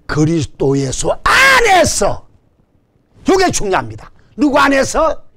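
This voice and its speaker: At a measured pace and an extremely high pitch, an older pastor with a Gyeongsang Korean accent gives a spirited sermon. He's on a church stage in front of a banner, speaking at a stand mic, drawing amens from the congregation and cracking jokes.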